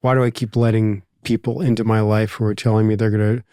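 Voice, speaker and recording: A man's voice: on the low side, little pitch movement, fast, dark tone, clean tone, no echo. Reflective Philadelphia man, dry sound. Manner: reflective, rambling, many asides and fillers. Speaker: podcast host. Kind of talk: casual conversation.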